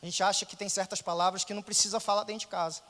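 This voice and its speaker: A man with a very high-pitched voice preaches to his congregation, pressing his points with rhetorical questions. His words ring out with a long echo through the church hall. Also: flat delivery, very fast, pushed and bright. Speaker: pastor. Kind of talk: sermon.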